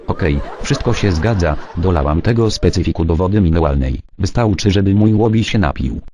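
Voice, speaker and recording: A man with a low, dark voice voicing a scheming, lovesick young woman who swaps r for ł. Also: animated, brisk, no echo. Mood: giddy. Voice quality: lisps r as ł. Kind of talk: amateur comedy voice acting.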